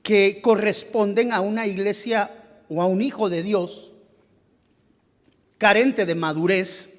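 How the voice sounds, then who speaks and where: A male pastor with a high voice and a Guatemalan Spanish accent delivers a sermon from the pulpit. He talks in halting bursts, restarting phrases as he hunts for words. His voice rings with the long reverb of a church hall. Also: fairly even intonation. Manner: addresses listeners directly as beloved brother. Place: church sanctuary.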